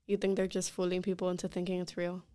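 A woman's voice: on the low side, completely flat delivery, fast, mellow. Teenage girl, short casual replies. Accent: American. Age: teens. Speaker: student guest. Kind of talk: casual chat.

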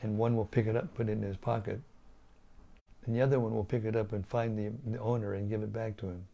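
An older spiritual teacher gives a slow devotional talk on scripture, frequently repeating or restarting his words. His voice is lowish, level, creaky and dark.

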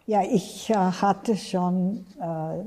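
A woman in her late eighties, a guest in an interview, talking slowly and haltingly as she searches for words. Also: on the low side, warm tone. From United States. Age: 80s. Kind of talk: interview conversation.

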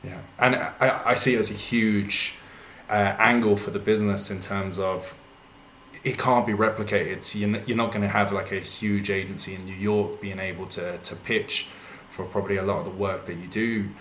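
A man's voice: lowish voice, steady tone, moderate pace, fairly bright tone. Echoey room with faint noise, man, podcast host, casual interviewing.

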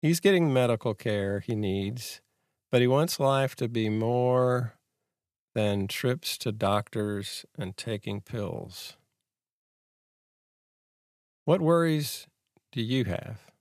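A man giving a reflective guided mindfulness talk in a measured, unhurried way, with pauses between short phrases. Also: medium pitch, no echo, clean studio sound. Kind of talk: slow guided meditation, reflective talk on anxiety.

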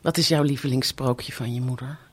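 A woman's voice: a bass voice, fairly even intonation, fairly quick, husky. A woman hosting a podcast about audiobooks, asking questions and giving short affirming replies. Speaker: podcast host. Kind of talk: casual interview chat.

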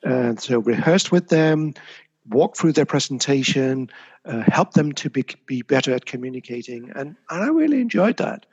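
Gravelly husky man, reflective talk. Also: mid-range voice, sing-song, moderate pace, a little mellow, muffled recording. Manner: reflective, many small restarts. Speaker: guest, communications consultant. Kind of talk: casual interview.

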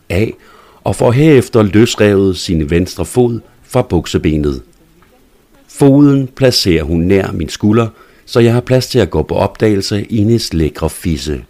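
A man calmly narrating a scripted first-person story in a measured reading voice. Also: sits low.

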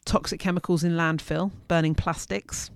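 A woman's voice: fairly low pitch, steady tone, gravelly, clean tone. A woman giving a casual spoken lesson to her husband, rattling off lists with "um"s and quizzing him as she goes. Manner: brisk, listing points with many "um"s and quizzing questions. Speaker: teacher explaining to her husband. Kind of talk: casual revision podcast lesson.

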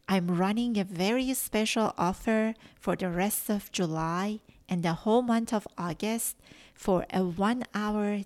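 A life coach whose native tongue is Farsi hosts her own solo coaching podcast. Her mid-range voice carries an earnest, measured teaching tone, with gentle whispered emphasis.

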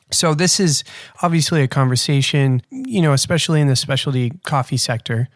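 A man's voice: on the high side, no echo. Podcast host man, dry close voice. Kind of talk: scripted intro then casual interview.

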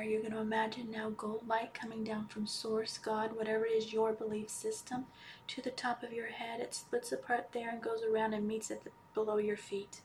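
Woman, meditation guide. Hushed, near-whispered delivery right in the listener's ear, with noticeable ambient noise behind. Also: a little high, rough recording. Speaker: podcast host and healer leading a guided meditation.

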